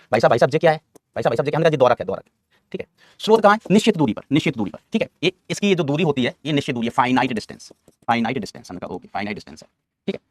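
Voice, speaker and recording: A man's voice: fairly high pitch, dry recording, clean studio sound. A male physics teacher giving a classroom lecture, quizzing his students, answering his own questions and repeating key terms, calling them son and brother.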